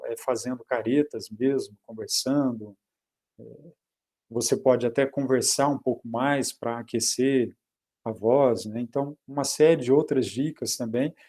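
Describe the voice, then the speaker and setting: A man from Brazil teaching by video call, his tone dark and mellow at a middling pitch. He poses a question and answers it himself, swinging between raised points and quiet asides. Small fillers like "né" run through his talk. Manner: didactic, asks and answers his own questions; varies loudness, often drops to quiet asides. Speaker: lecturer on public speaking.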